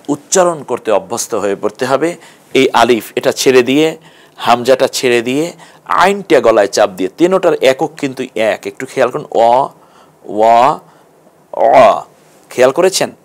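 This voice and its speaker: A middle-aged man teaching an online Quran class, slowly drawing out Arabic letter sounds for learners to repeat. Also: medium pitch.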